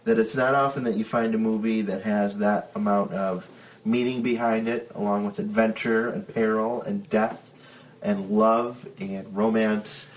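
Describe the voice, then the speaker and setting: A man's voice: fairly low pitch, steady tone, unhurried, poor audio. A young man with a Buffalo, New York accent, co-hosting a podcast in casual chat, rambling and laughing often. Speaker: podcast co-host.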